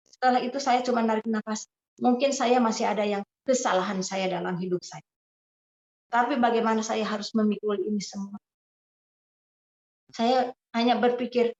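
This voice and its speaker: A woman giving an emotional personal testimony to a congregation, telling her story vividly and addressing listeners directly. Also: fairly high pitch. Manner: storytelling, addressing listeners as brothers and sisters, acting out dialogue. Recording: roomy, slightly dull hall recording.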